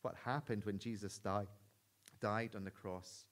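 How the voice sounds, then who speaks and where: A man preaching a sermon, telling a story earnestly and dropping to a hush at the solemn points. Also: on the low side, fairly even intonation, measured pace. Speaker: pastor.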